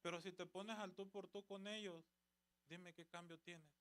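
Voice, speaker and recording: Man, church sermon, bright, smooth, exhorting, rhetorical questions. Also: high voice, fairly even intonation, moderate pace. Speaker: church member preaching. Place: church service.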